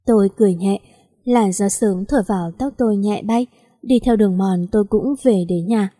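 A woman's voice: mid-range voice, normal speed, dark tone, husky. A woman narrating a story aloud and reading every character's part in one voice. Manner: reads all characters in one voice.

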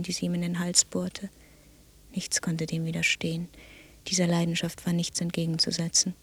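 An actress narrating a grim fairy tale in a radio play, hushed and often half-whispered. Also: female voice, on the low side, dry recording. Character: storyteller woman reciting a grim fairy tale. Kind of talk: scripted narration.

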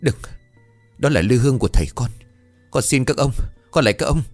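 A man's voice: fairly low pitch, fairly quick, dry recording, faint music behind, voice pushed up. A man voicing a desperate poor peasant man who begs in a raised, tearful voice. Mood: pleading. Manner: pleading, tearful, lifted voice.

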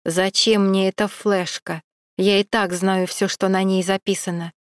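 A woman voicing a menacing man on the phone who speaks in a slow, hissing, whispered voice. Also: medium pitch, little pitch movement, no echo, studio quality, close to an everyday voice.

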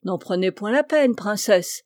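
A woman doing a spiteful yellow dwarf, sneering. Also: mid-range voice, expressive, unhurried, no room sound, studio quality, natural voice. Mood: smug. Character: ugly little yellow dwarf, spiteful, scornful man.

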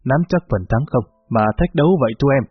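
A man's voice: medium pitch, fairly quick, breathy edge, dry recording, close to an everyday voice. A man voicing a kindly, learned old grandfather who patiently explains things. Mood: patient, amused. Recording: phone-like lo-fi, faint music.

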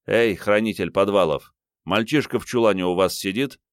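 A male audiobook reader voicing a curt, gruff, tired man who leads a small squad. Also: lowish voice, normal speed, no echo, studio quality, close to an everyday voice.

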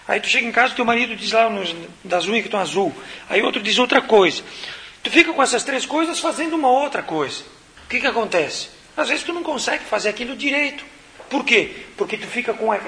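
A man's voice: very high-pitched, sharp tone. A man from southern Brazil giving a spiritual talk to an audience, asking rhetorical questions and answering them in a casual, conversational way. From Rio Grande do Sul, Brazil. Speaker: spiritist lecturer.

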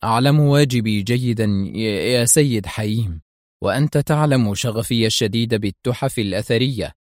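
A man's voice: medium pitch, fairly quick, dry recording, clean studio sound, close to an everyday voice. A man voicing a nervous male spy agent who stammers and hesitates. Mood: eager.

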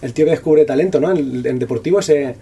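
A man, an author talking about his book at a bookshop event in fast, slangy, profane speech full of restarts. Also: a little high, dark tone, husky. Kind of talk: casual talk at a book presentation. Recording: distant voice with faint room noise.

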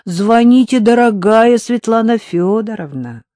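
A woman's voice: on the low side, huge pitch swings, unhurried, a little mellow, dry recording, studio quality, exaggerated voice. A reader putting on a sly, honey-tongued woman blackmailer. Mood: honeyed mocking. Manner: sugary and mocking, then barking orders. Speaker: character in an audiobook. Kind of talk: audiobook character reading.

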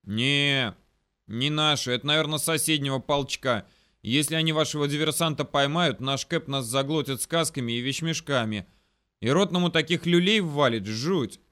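A captured infantry officer, read by a male narrator, talking in a loose, colloquial way. His voice is bright and forceful, close to the reader's own. It is read as an audiobook. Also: fairly high pitch, moderate pace, smooth. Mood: offhand.

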